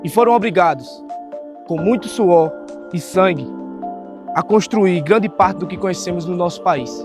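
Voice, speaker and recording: A Brazilian man with a fairly high voice reads scripted documentary narration in a solemn tone. Clear music plays underneath him. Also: normal speed.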